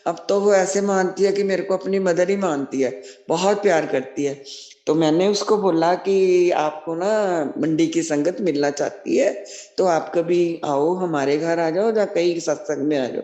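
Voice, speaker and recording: A woman's voice: on the low side, measured pace, mellow. Earnest middle-aged lady telling a devotional story, keeps saying blessings, echoey room. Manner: earnest and devout, repeating blessings often. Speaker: devotee sharing a satsang testimony. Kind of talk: devotional testimony narration. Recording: roomy echo.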